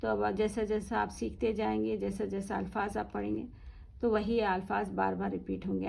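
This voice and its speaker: A woman teacher with an Urdu accent, patiently reading out words slowly, syllable by syllable, and explaining them to students. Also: medium pitch, vocal fry, a little mellow, slightly rough. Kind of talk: slow word-by-word reading lesson.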